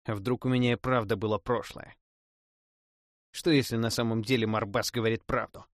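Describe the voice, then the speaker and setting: A man narrating a first-person fantasy audiobook in a dramatic, expressive reading. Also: mid-range voice, normal speed, no echo, studio quality.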